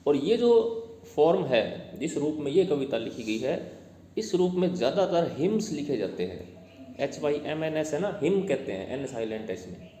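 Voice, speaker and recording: Guy teacher, fairly high voice, reads slow then explains, keeps quizzing the class, roomy echo. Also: very animated, dark tone, a little hiss or hum. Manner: reads English text slowly, then explains it in Hindi; quizzes students as he goes. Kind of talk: classroom lecture. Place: classroom with students. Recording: echoey room with long reverb.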